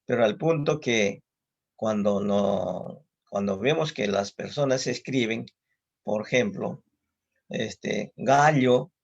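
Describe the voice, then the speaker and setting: A man with a Peruvian accent giving a slow, deliberate lecture, listing example words and often adding a questioning "no?". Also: fairly low pitch. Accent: Peruvian Spanish. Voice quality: gravelly, husky. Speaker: psychologist giving a conference talk. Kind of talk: online lecture. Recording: muffled lo-fi audio.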